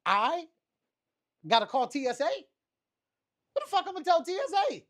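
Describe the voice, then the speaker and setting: Man livestreamer, casual storytime rant, animated and profane, hammers phrases by repeating them. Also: very high-pitched, moderate pace. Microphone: streaming setup mic.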